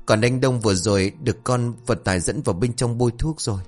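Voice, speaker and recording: A man's voice: mid-range voice, fast talker, soft background music, natural voice. A man voicing a polite, worried young daughter in a read-aloud family story, speaking respectfully.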